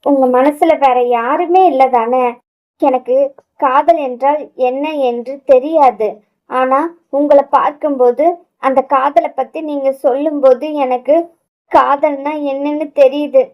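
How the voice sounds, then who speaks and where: A woman doing a shy young wife, halting and unsure, high voice, audio romance. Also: steady tone, highs cut off. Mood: hesitant, pleading. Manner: hesitant, stammering.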